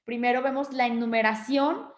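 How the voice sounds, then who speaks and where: A woman's voice: fairly high pitch, steady tone, normal speed. A woman teaching a lesson on a poem, explaining patiently step by step with frequent fillers and checking questions. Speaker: Spanish literature teacher. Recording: echoey room.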